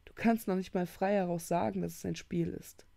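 A woman's voice: lowish voice, steady tone, brisk, vocal fry, dark tone. A woman voicing a worried teenage boy who talks urgently and insistently in a storybook reading. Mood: pleading.

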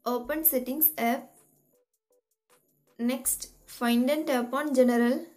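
A woman hosting a tutorial, reading step-by-step instructions in an even, methodical way. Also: sits high, takes it slowly, soft background music. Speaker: tutorial host. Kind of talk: scripted step-by-step tech tutorial.

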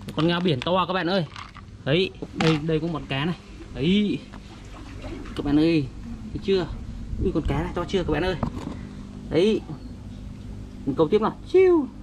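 A man's voice: a little high, background noise. A man with a northern Vietnamese accent vlogging casually outdoors, talking simply and repetitively as if to a toddler. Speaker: vlogger for young children. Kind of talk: casual child-directed show-and-tell. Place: outdoors beside a garden fish pond.

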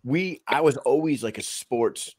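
A man's voice: mid-range voice, animated, unhurried, slightly rough, no room sound, clean studio sound. A young man hosting a podcast, brashly reading sponsor plugs and hyping his guest in casual talk. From Boston area. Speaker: podcast host. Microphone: studio mic on arm, headphones.

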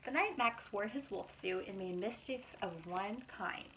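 A woman in her thirties, a preschool teacher, reads picture books aloud to young children in an expressive, animated manner with asides to her listeners. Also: medium pitch, moderate pace, a little hiss or hum, poor audio. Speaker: preschool teacher reading storytime.

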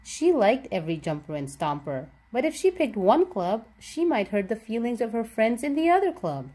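A woman narrates a children's picture book aloud, expressive and carefully enunciated for young listeners. Her fairly high voice is warm and sing-song at a moderate pace.

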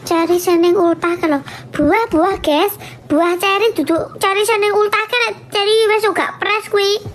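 Javanese girl live streaming, super high voice, chatty, tells stories with laughs. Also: normal speed, slight background noise. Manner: chatty, storytelling, animated with laughs. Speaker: livestream host. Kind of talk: casual livestream chat.

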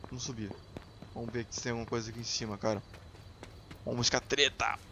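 A Brazilian man hosting a gaming channel, commenting on gameplay in casual, excitable chat and swearing freely at the viewers. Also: medium pitch, fast, a little hiss or hum. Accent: Brazilian Portuguese.

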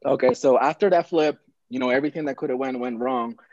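The young Peruvian man talks fast in a medium-pitched, slightly mellow voice. As a real estate investor guest on a casual video call from a small room at home, he tells a rambling story with lots of fillers and restarts. He's on earbuds, and the audio is dull and dry, with no echo.

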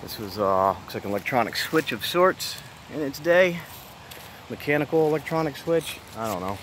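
With only slight background noise, a mid-range male voice narrates an unhurried, casual walk around an abandoned, overgrown outdoor site. He's an urban explorer vlogger who chats to viewers along the way, relaxed and openly marveling.

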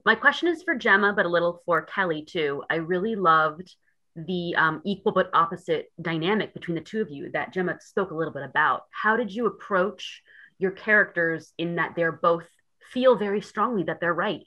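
A woman journalist politely asking a measured question at a press junket. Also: lowish voice, expressive, pushed and bright, low-quality recording.

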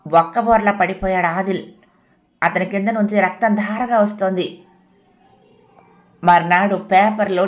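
A woman reading an audio novel aloud as narrator, in a calm, steady storytelling manner. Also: mid-range voice.

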